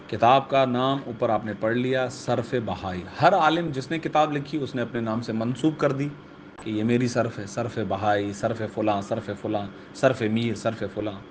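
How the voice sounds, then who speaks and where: A man's voice: mid-range voice, a little hiss or hum. Man teaching a classroom grammar lesson. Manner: explanatory, checks in with students. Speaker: religious teacher.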